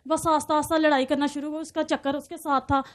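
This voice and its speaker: A woman, a guest in a TV studio, recounting her own story in a halting, fragmented way, often repeating herself. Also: sits high, level tone. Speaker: guest on talk show. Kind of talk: recounting personal story in interview.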